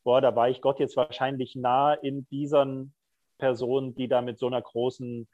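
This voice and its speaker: A man's voice: mid-range voice, little pitch movement, normal speed, darkish tone, dry recording, lo-fi sound. A middle-aged man, a prison chaplain, speaking candidly and thoughtfully in an interview, with frequent hesitations. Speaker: prison chaplain, podcast guest. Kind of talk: reflective conversational interview.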